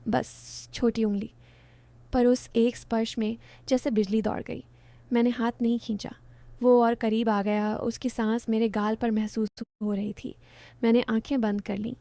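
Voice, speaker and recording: A young woman narrating a first-person romantic story in a soft, confiding, intimate way. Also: on the high side, level tone, normal speed, no room sound. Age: young adult.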